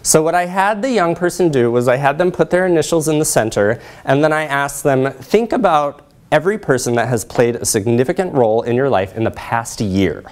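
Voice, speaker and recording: A man in his thirties with a medium-pitched, animated voice talks a little fast while presenting academic research as a social work researcher. He stands by a projection screen in a lecture room, speaking conversationally and checking in with the audience through short tag questions.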